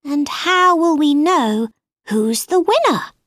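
A woman's voice: high-pitched, lively intonation, takes it slowly, a bit bright, dry recording, studio quality, voice pushed up, exaggerated voice. A woman voicing a young girl who is polite but puzzled and keeps asking earnest questions.

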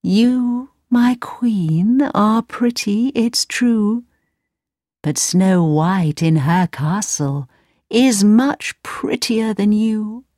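A calm magic mirror from a storybook that speaks plain truths in a soft, half-whispered voice, put on by a woman reading aloud. It speaks very slowly, and the sound is close and dry. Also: medium pitch, no echo, pitched above the performer's own voice. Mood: matter-of-fact.

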